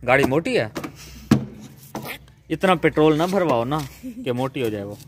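Over very noisy surroundings, a young man narrates his home vlog in a sing-song, unhurried voice on the high side. He has a Pakistani Punjabi accent and chattily directs family members while working on a car outside a house gate.

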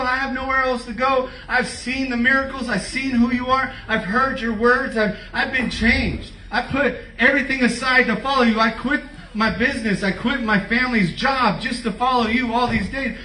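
A man's voice: extremely high pitch, normal speed, few pauses, bright, forceful tone, recorded from a distance, slight background noise, pitched above the performer's own voice. A man playing an eager, devoted young follower. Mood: earnest. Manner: earnest, insistent pledging. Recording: echoey room, voice from off-mic.

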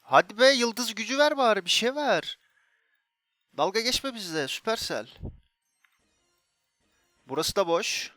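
A young man, commenting excitedly as he opens loot boxes in a mobile game, repeating himself and bursting into shouts when something good appears. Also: high-pitched, a little slow, pauses often, no room sound. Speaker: gaming YouTuber.

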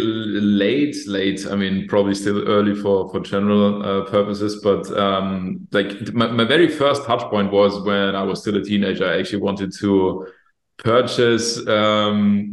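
A German man in his late twenties or early thirties, a company executive appearing as a guest, answers interview questions in a relaxed way, often repeating words as he thinks. His voice sits on the low side and carries a German accent. He's on a webcam video call from an office with a plain wall, and the audio has a roomy echo.

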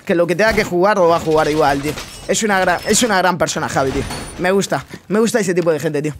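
A man's voice: sits high, quick pace, noisy background. A young man, giving casual, slangy gameplay commentary full of swearing and addressing his viewers directly. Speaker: gaming streamer.

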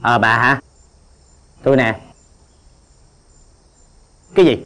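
An actor playing a scheming older father who talks brisk and reassuring on the phone. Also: medium pitch, pushed and bright.

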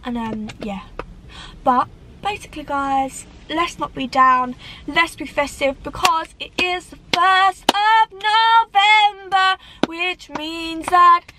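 A young woman chats animatedly to a dashboard camera in a parked car. Her voice sits high and bright as she gestures and lets out dramatic sighs. A faint hum of the car and the outside can be heard behind her. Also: takes it slowly. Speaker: vlogger. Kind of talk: casual chat to camera. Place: parked car on a rainy day.

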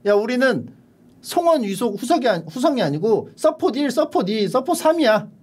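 A man's voice: extremely high pitch, big pitch swings, normal speed, a little mellow, breathy edge, voice pushed up, heavily acted. A man voicing an indignant male officer who complains and pleads.

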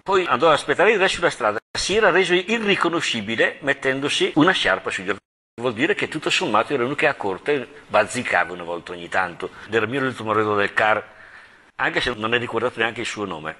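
A man's voice: medium pitch, expressive, fast, bright, forceful tone, husky. A middle-aged male parish priest giving an informal Bible lesson, chatty, with laughing asides and dramatic retellings of scripture.

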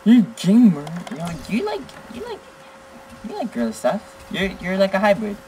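A teenage boy giving excitable gameplay commentary as a gaming channel host, blurting exclamations and teasing. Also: high-pitched, moderate pace, slight background noise, rough recording. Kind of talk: live gameplay commentary with chat.

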